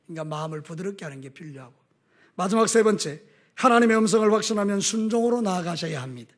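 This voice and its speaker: High-voiced Gyeongsang Korean pastor preaching. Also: male voice, fast talker. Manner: animated preaching with homely anecdotes and call-and-response. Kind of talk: sermon.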